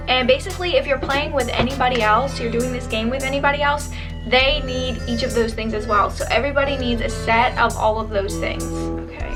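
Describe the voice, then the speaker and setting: Female vlogger, higher-pitched, casual and conversational, animated asides, clear music bed underneath. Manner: informal, animated asides with acted-out quotes. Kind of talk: casual chatty storytelling during a makeup tutorial. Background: background music.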